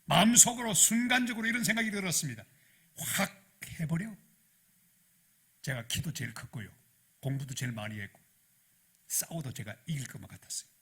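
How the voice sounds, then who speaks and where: A middle-aged male pastor, preaching a sermon in an animated storytelling manner that rises to loud emphasis. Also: on the high side, fast, breathy edge.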